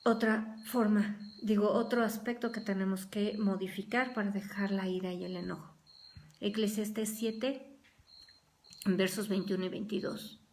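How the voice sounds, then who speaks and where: A woman's voice: mid-range voice, fairly even intonation, a little slow, darkish tone. Earnest woman teaching a Bible study. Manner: earnest, acts out everyday quarrels in quoted voices.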